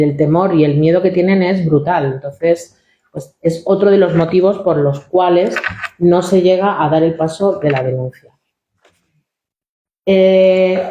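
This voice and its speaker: A woman's voice: lowish voice, dark tone. A woman giving a spoken presentation for an organization, full of "eh" fillers and "¿no?" tags. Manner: frequent "eh" fillers and tag "¿no?". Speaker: NGO spokesperson presenting annual data. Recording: echoey room.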